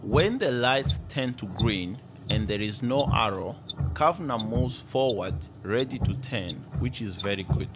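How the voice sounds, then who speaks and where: A man giving a measured, explanatory instructional voice-over as a driving instructor reviewing a learner's test. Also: fairly low pitch, animated, loud music behind the voice.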